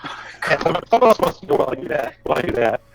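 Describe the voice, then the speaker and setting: A man's voice: a little high, big pitch swings, rapid-fire, vocal fry, over loud music, rough recording. A man talking casually as a tabletop game player over a wireless headset, with his voice breaking up on a bad online connection. He talks hesitantly and restarts his phrases. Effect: choppy online connection, voice breaking up.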